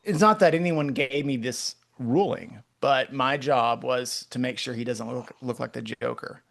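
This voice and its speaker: Speaking in a creaky, slightly bright mid-range voice, this forties-aged guest artist from Texas has a Texan accent. He talks casually in an interview, wandering off course, stalling, and starting sentences over again and again.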